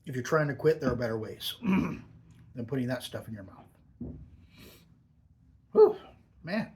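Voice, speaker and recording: A man of medium pitch chats through a casual product review. His lip is packed with dip as he talks. He speaks in an emphatic, savouring way, drawing out words for weight. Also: sing-song, measured pace, darkish tone, slight background noise. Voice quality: talking with a lip full of dip pouches.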